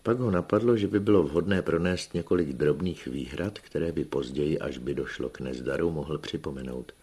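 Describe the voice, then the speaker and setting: A man reads a novel aloud in a calm, measured narration. His voice sits very low, with a husky grain. The delivery is unhurried and even. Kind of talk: audiobook reading.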